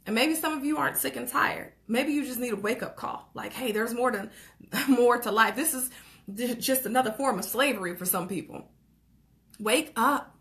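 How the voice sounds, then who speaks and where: A young woman giving an urgent motivational talk about a book, pressing listeners to act, with quick laughs and frequent "okay?" and "like". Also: on the high side, creaky, fairly bright tone. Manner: urgent, preachy, exhorting with repeated calls to action; laughs between phrases, says "okay?" and "like" often. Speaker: motivational vlogger.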